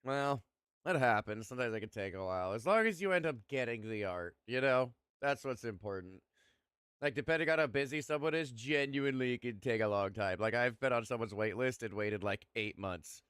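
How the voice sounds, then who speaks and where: A man's voice: mid-range voice, expressive, brisk, a bit bright, clean tone, dry recording, studio quality. A young man streaming, chatting casually and rambling with lots of fillers and the odd swear word.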